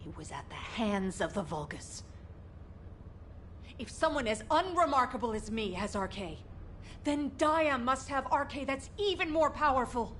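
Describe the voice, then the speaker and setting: A woman's voice: fairly high pitch, sing-song, moderate pace, a little hiss or hum. A woman playing a determined, defiant captain driven by grief, with intense, brooding delivery in a video game drama. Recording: music playing behind.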